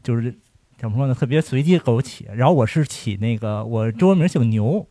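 Audience man, mid voice, halting anecdote, dry close sound. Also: mid-range voice, warm tone, dry recording. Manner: halting, searching for words. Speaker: audience member. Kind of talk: casual anecdote.

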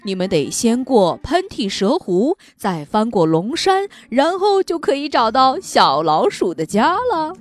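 A helpful talking map from a children's storybook, voiced by a woman narrator, close to her own bright high voice. It gives directions clearly and confidently, with soft music faintly in the background. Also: sing-song, unhurried, few pauses, no room sound. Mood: knowing. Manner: confident, instructive. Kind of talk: storybook read-aloud for children.

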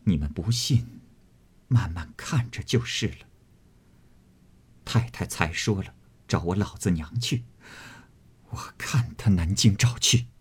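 A man's voice: deep voice, takes it slowly, pauses often, slightly rough, full character voice. A man reading the part of a proud, fiery young maidservant who answers sharply and with indignation. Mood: defiant.

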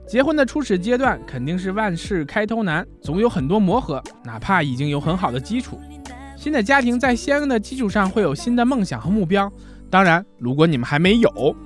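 High, lively male radio host. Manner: lively, explanatory, acts out quoted lines. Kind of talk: relationship advice radio talk.

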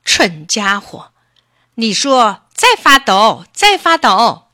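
A woman voicing a boastful storybook fox who copies a tiger and scolds loudly. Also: fairly high pitch, very animated, takes it slowly, no room sound, studio quality, voice pushed up, exaggerated voice. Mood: angry. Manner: bossy, scolding, loud. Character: boastful fox copying a tiger, quick-tempered.

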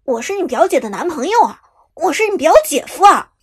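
A woman voicing an easygoing young man who talks calmly and tries to placate. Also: high-pitched, a little fast. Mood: placating. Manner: calm, placating.

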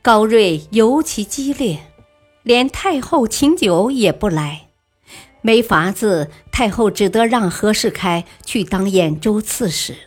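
A woman narrating a historical story in a measured, even storytelling manner. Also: medium pitch, breathy edge, faint music behind.

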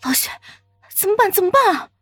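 A man voicing a timid female teacher who panics, in a shrill high falsetto, frantic and close to tears. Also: very animated, fairly quick, bright, forceful tone, no room sound, soft background music, exaggerated voice. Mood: panicked.

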